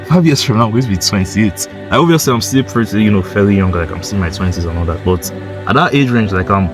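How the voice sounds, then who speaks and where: Low-voiced young man giving blunt advice. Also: lively intonation, fast talker, music in the background. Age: 20s. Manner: blunt, swearing, heavy use of "like" and "bro"; insistent, repeats points for emphasis. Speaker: motivational YouTuber. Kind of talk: casual motivational monologue.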